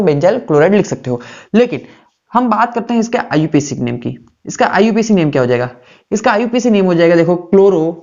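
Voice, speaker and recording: A man's voice: high-pitched, a little mellow. A male teacher walks through a lesson, firing a question at his students and then answering it himself. He repeats each key term so it sticks. The recording is dull and lo-fi, with the top end muffled. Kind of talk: classroom lecture.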